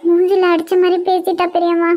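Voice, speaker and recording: A woman's voice: very high voice, completely flat delivery, brisk, mellow. A woman voicing a heartbroken young mother in a cartoon, crying and despairing, with a Kanyakumari Tamil accent. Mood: tearful, despairing. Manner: tearful, despairing, pleading. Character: heartbroken young mother rejected by her daughter. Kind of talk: cartoon web series voice acting.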